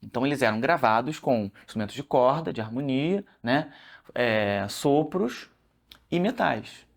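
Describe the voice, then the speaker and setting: A man's voice: medium pitch, lively intonation, measured pace, gravelly. Man explaining history with restarts. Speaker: researcher. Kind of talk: documentary interview explanation.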